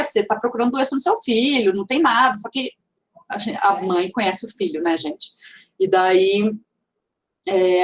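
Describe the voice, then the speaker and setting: A woman with a mixed regional Brazilian accent speaks in a chatty, conversational way over a video call, full of fillers and restarts, as she answers questions at an online seminar. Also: on the high side. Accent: mixed regional Brazilian Portuguese accent.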